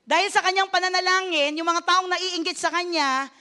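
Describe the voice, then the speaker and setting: A woman pastor delivers a sermon in a high voice, mixing English phrases into her preaching. She calls for amens and applause from the congregation. She rises to loud exclamations and drops to hushed, low lines. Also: fairly even intonation, moderate pace.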